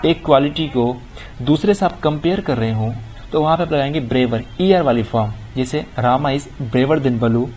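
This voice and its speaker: A middle-aged man teaching an English grammar lesson, reading example sentences slowly and deliberately. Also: a little high, a little mellow, a little hiss or hum. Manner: explains in Urdu-leaning Hindi, reads English examples slowly and deliberately. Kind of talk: recorded grammar lecture.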